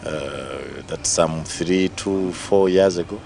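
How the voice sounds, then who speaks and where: Very deep host guy, asks lots of questions, repeats stuff back, bit of hiss. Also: takes it slowly, gravelly. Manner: probing, repeats the guest's answers back. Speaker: talk show host. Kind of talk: interviewer questions. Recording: faint background noise.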